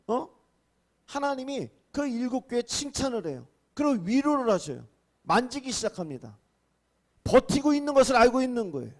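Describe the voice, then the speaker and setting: Korean guy pastor, high-pitched, preaching, drops to near whispers then shouts out rebukes. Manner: acts out rebukes and quoted speech in a raised voice. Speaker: senior pastor. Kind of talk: sermon.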